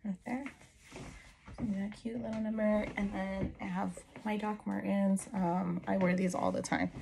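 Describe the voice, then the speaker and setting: A woman in her thirties with a mid-pitched, fry-edged voice chats informally to her phone. She rambles, half talking to herself as she gets ready in a bedroom. Noticeable noise sits behind her. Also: little pitch movement, a little slow. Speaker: lifestyle vlogger. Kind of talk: casual get-ready-with-me chat. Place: small bedroom indoors. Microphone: phone propped at about arm's length. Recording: clear background noise and clicks.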